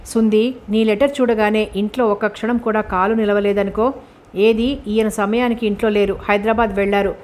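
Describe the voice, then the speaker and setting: A woman voicing a lively, teasing middle-aged woman friend in a novel reading, chatty and quick. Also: mid-range voice, lightly acted.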